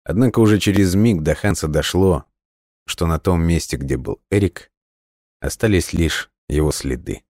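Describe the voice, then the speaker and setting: A man narrating an audiobook in a steady storytelling read. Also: sits low, moderate pace, dry recording, clean studio sound.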